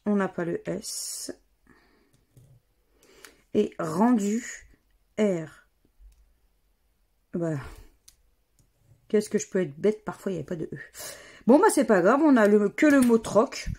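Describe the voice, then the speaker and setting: A woman's voice: medium pitch, animated, slow pace, long pauses, darkish tone, husky. A woman, casually commenting as she scratches lottery tickets and spells out letters and words one by one. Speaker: scratch-card vlogger.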